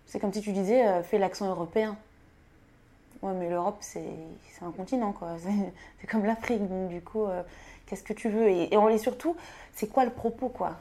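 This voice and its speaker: A woman in an interview presses with pointed, challenging questions. Her voice has a warm, mellow tone. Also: mid-range voice, moderate pace. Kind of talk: candid interview testimony.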